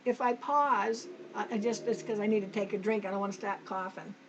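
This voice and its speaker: On a lo-fi, noisy recording, a woman leads a sewing tutorial in a medium-pitched, steady voice at a brisk pace. Her homey chatter includes viewers as "us" and is full of okays and restarts as she goes step by step. A slightly dry throat has her clearing it.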